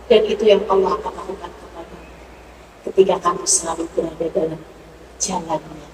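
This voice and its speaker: A woman's voice: on the low side, fairly even intonation, brisk, darkish tone, slight background noise. A woman preacher giving an intimate, emotional sermon in casual speech, now and then chanting Arabic verses. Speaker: religious teacher. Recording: echoey hall, voice from far off.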